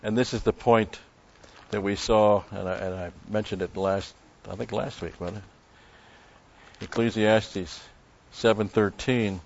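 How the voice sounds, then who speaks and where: A man preaching a sermon in a measured way, with emphatic stresses. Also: on the low side, steady tone, gravelly, darkish tone, highs cut off. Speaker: pastor.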